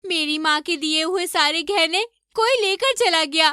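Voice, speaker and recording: A woman voicing a meek, poor young daughter-in-law in an animated story, pleading and submissive. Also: very high-pitched, measured pace, dry recording, studio quality, exaggerated voice.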